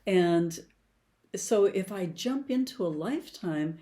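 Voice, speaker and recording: A woman's voice: on the low side, animated, slow pace, dark tone. An older woman, a past life regression therapist, explaining in a conversational, storytelling way. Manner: conversational, storytelling with client anecdotes. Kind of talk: explanatory talk.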